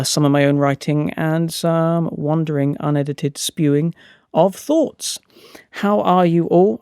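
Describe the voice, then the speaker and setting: Male podcast host, slightly high voice, self-deprecating and wry, very dry home sound. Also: a little mellow, dry recording. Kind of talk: rambling, self-conscious solo podcast monologue and scripted essay reading. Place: indoors in a house.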